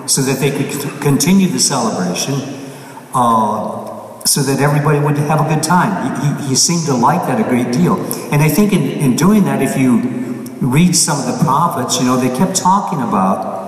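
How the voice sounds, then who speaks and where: Man preaching in cathedral echo. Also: medium pitch. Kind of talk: Gospel reading and informal sermon. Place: large echoing church. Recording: cathedral-like echo, distant mic, faint hiss.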